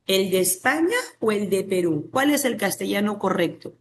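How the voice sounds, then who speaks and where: A woman's voice: medium pitch, animated, normal speed, slight background noise. A woman with a Peruvian Spanish accent teaching an exam-prep language class. She puts questions to the class, answers them herself and often adds a tag question. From Peru.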